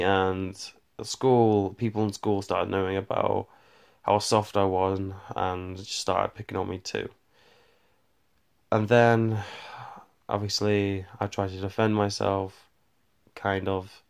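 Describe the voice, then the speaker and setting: Gravelly low-voiced man rambling. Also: a little mellow. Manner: rambling, fills gaps with "blah, blah, blah". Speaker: vlogger. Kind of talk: casual storytime monologue. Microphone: handheld phone.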